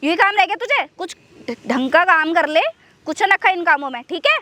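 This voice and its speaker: A young woman acting out phone calls in a skit, scolding and pleading by turns in quick emotional outbursts. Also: very high voice, lively intonation, sharp tone. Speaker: skit performer. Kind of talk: acted phone-call skit.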